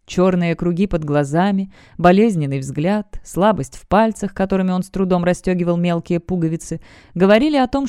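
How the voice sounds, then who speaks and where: A woman narrating a fantasy novel as an audiobook in an even storytelling delivery. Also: fairly low pitch, clean tone, no room sound, studio quality. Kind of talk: scripted narration.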